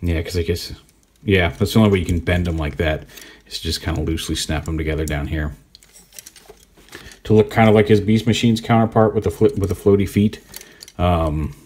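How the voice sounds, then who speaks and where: A man giving a relaxed, rambling hands-on toy review, thinking aloud as he poses the figure. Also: sits low, a little fast, long pauses, breathy edge. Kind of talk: casual hands-on product review.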